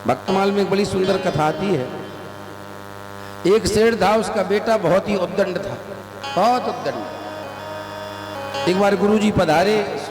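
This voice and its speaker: A man delivers a devotional katha sermon, acting out the lines of each figure in the story he tells. His voice sits high and rings out through a roomy space with a long reverb tail. Music plays clearly behind him. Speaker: katha preacher. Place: large outdoor katha venue with loudspeakers. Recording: echoey live hall sound with music.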